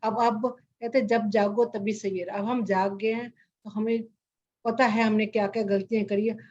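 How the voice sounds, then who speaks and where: A woman meditation teacher on an online group call, gently reassuring participants and repeating her phrases. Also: mid-range voice, level tone, normal speed, highs cut off. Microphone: video call.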